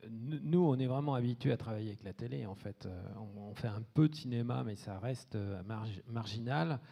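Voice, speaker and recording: A man with a soft, dark timbre and plenty of vocal fry speaks on a panel. He is hesitant and tends to repeat words as he searches for the next one. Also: mid-range voice, brisk. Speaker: post-production professional, panel speaker. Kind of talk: informal panel talk.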